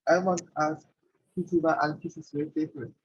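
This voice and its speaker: A male student asking a question over an online call whose audio keeps cutting in and out. He speaks haltingly and repeats himself. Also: a little high, fairly even intonation, husky. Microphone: video call. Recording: muffled, distant, breaking-up call audio.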